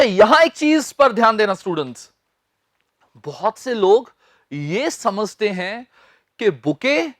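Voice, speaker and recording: Lively Hindi-speaking English teacher, man. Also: high voice, no room sound, studio quality. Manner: lively, repeats words slowly and quizzes students. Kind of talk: spoken English lesson.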